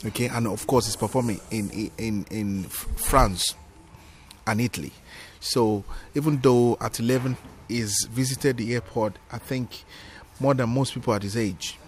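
Guesting on a podcast interview, this Yoruba-speaking Nigerian comedian delivers his stories with emphatic animation. His pitch is medium, his pace normal, and there's slight background noise behind him.

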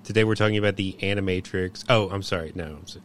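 A man's voice: low-pitched, quick pace, slight background noise. A man hosting a podcast about films, talking in a laid-back, rambling, joking way. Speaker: podcast host. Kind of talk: casual podcast chat.

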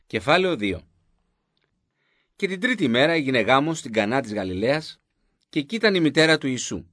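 Male narrator, measured scripted Bible reading, dry close sound. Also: medium pitch, sing-song, a bit bright, no room sound.

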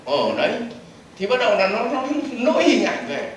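A man gives a lively seminar lecture, putting questions to the audience and answering them himself. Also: sits high, normal speed, distant mic, background noise. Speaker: business trainer. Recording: echoey hall recorded from afar.

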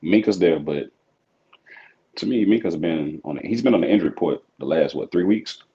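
A man, a football coach, giving calm, smooth analysis as a podcast guest. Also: low voice, brisk. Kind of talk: casual sports podcast interview. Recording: slightly dull lo-fi sound.

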